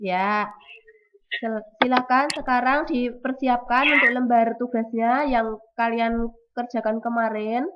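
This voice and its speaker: A woman teacher giving an online class lesson over a video call, explaining slowly and repeating key terms. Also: a little high, fairly even intonation. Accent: Indonesian. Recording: dull lo-fi audio with clear noise.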